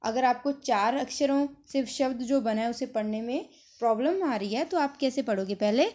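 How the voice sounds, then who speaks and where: A woman's voice: on the high side, normal speed, warm tone. A woman teaching a phonics lesson, patiently sounding out letters one at a time and then joining them into words, repeating each word.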